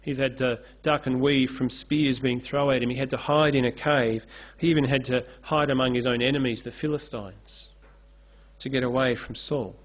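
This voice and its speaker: A pastor delivers an earnest sermon into a lectern microphone on a church stage with a curtain backdrop, gesturing freely as he preaches. His voice is medium-pitched with fairly even intonation and a moderate pace, captured in a dull, lo-fi recording.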